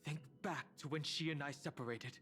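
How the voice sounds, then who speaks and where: A thoughtful young hero in a video game. His voice is a touch high for a man, earnest and polite, with soft music underneath. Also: a little fast. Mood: puzzled, uneasy. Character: earnest, puzzled, courteous young male hero. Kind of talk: dramatic video game voice acting.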